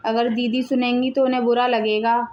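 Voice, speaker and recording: A woman voicing a polite, hesitant young daughter-in-law in an animated family drama. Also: on the high side, moderate pace, muffled recording, slight background noise, natural voice. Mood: pleading.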